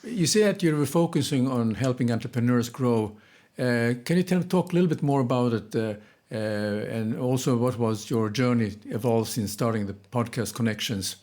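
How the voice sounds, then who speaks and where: A man's voice: medium pitch, normal speed, darkish tone. Man, podcast host, hesitant, lots of fillers, stops and restarts. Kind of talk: interview questions.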